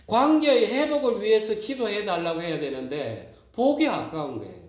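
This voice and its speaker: A man's voice: high-pitched, big pitch swings, moderate pace, reverberant. A man preaching a sermon as pastor, acting out quoted prayers and pleas with lots of animation. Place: church sanctuary.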